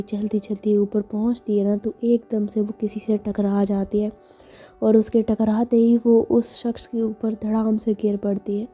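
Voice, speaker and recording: Husky woman telling a love story. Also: medium pitch, mellow. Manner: chatty, addresses listeners directly. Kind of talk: spoken love story narration.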